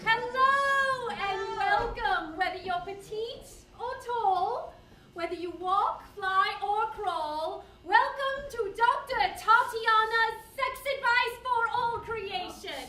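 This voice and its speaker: A woman's voice: very high-pitched, slow, bright, forceful tone, exaggerated voice. A woman playing a female sex-advice doctor who hosts a comic talk show, courteous, soothing and playfully grand. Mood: welcoming, playful. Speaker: show host. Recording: echoey live venue, distant, noisy audience.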